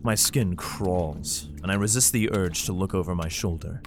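An actor with a low-pitched voice, speaking at a moderate pace, plays a weary, protective father who is a guarded survivor. His first-person narration in this audio drama is tense and brooding.

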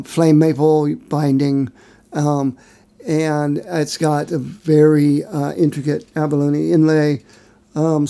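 A man co-hosts a casual podcast, his voice gravelly and dark in tone. He rambles through long, detailed explanations, full of fillers. His pitch sits a bit high for a man. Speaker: podcast co-host.

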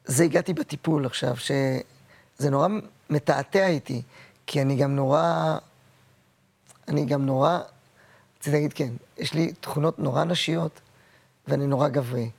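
A man in his sixties, a guest actor and comedian, telling personal stories in a halting, emotional way with many repeats. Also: a little high, fairly even intonation, gravelly, darkish tone. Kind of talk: personal interview storytelling.

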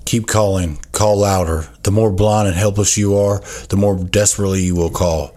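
A man reads a devotional and prays in a solemn, measured way. His voice is very deep. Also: steady tone, warm tone. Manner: solemn, measured, rhetorical questions. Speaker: co-host of a recovery devotional show. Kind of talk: reading devotional text and prayer.

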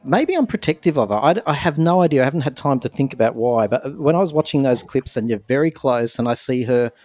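A man co-hosting a podcast, chatting in a warm, reassuring, enthusiastic way while he is losing his voice. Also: medium pitch, lively intonation, fast talker, no room sound. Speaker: podcast co-host. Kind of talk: casual fan chat.

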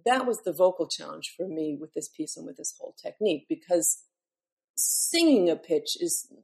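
A woman's voice: fairly low pitch, animated, moderate pace, gravelly, darkish tone. A woman who is a classical singer, speaking as a guest in a podcast interview and explaining her work in a thoughtful way with many fillers.

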